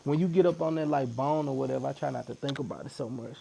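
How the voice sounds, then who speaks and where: There's a little hiss or hum as a man talks fast with vocal fry at medium pitch. He's in his forties, from Missouri, and is getting tattooed in a studio while guesting on a podcast, chatting casually, joking and laughing often.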